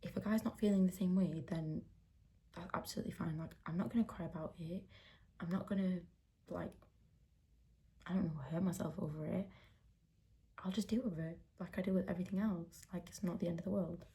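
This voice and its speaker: A woman's voice: fairly low pitch, steady tone, fairly quick, long pauses, warm tone. A young woman chatting candidly while getting ready, rambling with lots of fillers. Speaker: beauty vlogger. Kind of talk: casual chat while doing makeup. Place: indoors at home, getting ready.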